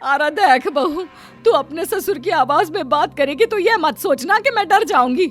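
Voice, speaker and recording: A woman's voice: high-pitched, expressive, normal speed, soft background music. A woman voicing a bossy, scolding middle-aged mother-in-law in a cartoon story.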